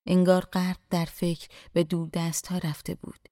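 A woman narrating an audiobook in a calm, even storytelling voice. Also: on the low side, no room sound, studio quality.

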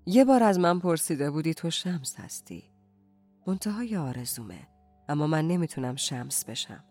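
A reader doing a soft-spoken, gentle Sufi mystic man. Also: medium pitch, very animated, soft background music. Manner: soft-spoken, slow and reflective. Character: calm, gentle male Sufi mystic with cancer. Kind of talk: audiobook character reading.

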